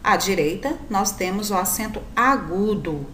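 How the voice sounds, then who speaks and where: A woman teacher, giving a slow, clear, sing-song recorded grammar lesson for children. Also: mid-range voice, lively intonation, a bit bright, slight background noise.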